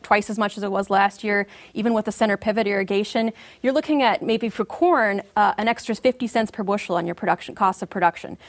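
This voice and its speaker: A woman commodity market analyst giving measured, explanatory answers full of market jargon in an interview. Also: medium pitch.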